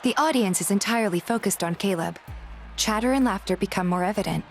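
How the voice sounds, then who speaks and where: In a fan dub, a woman voice actor narrates and plays the heroine, reading first-person story lines scripted like an audio drama. Music plays behind her medium-pitched, somewhat fast delivery.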